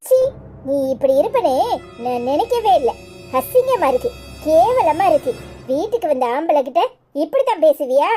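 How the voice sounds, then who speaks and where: Casting: a woman playing a sharp, scolding cartoon village wife, very high, mellow voice, Kanyakumari Tamil accent, faint music behind. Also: very animated, moderate pace. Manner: scolding, dismissive. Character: sharp-tongued young village wife Anitha. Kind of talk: cartoon comedy voice acting.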